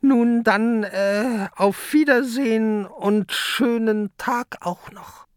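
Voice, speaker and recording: Narrator doing a huge bashful octopus, high and halting, storybook audiobook. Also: smooth, dry recording, studio quality, close to an everyday voice. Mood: apologetic. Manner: hesitant, full of "äh". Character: large sheepish sea octopus.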